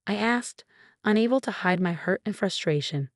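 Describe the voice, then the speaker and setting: A woman reading a first-person story as scripted narration, in a steady storytelling manner. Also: medium pitch, normal speed, no room sound, clean studio sound.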